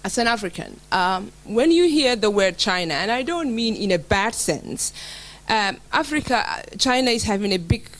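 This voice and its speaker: Middle-aged woman panelist, earnest and halting, pausing often as she searches for words. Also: medium pitch, animated, poor audio. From Somaliland. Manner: hesitant, many fillers and restarts, earnest. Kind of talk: panel speech.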